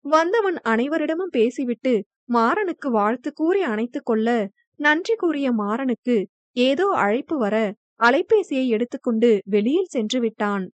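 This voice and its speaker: High-voiced woman narrating a romance audiobook. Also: lively intonation, measured pace, dry recording.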